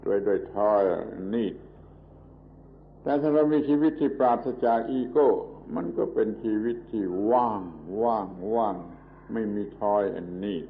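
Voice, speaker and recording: A man giving a Buddhist sermon as a monk, talking slowly and deliberately and repeating words for emphasis, on a muffled old recording. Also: fairly low pitch, expressive. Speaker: monk giving a Dhamma talk. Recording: muffled, phone-like old tape with faint hiss.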